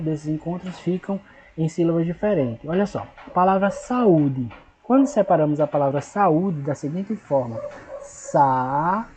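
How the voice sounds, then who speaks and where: A man teaching a recorded lesson, patient and repetitive, slowly spelling out syllables and checking in with his pupils. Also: on the high side, warm tone, rough recording.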